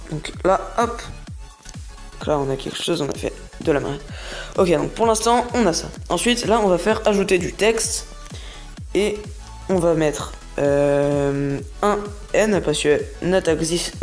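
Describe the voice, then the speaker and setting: Chatty young tutorial host. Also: medium pitch. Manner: chatty, rambling, filled with hesitations. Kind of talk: casual screen-recording tutorial.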